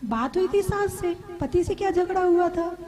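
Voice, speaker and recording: A woman's voice: extremely high pitch, normal speed, mellow. A woman preacher giving a sermon to a seated audience, repeating her points and asking listeners questions. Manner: repetitive, asks the audience questions. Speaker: Jain preacher. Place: live gathering with seated audience.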